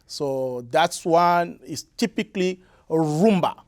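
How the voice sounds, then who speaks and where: Being interviewed in a radio or TV studio, a Lari-speaking musician from the Republic of the Congo replies at a fairly high pitch. He sounds halting, often pausing with fillers and starting phrases over.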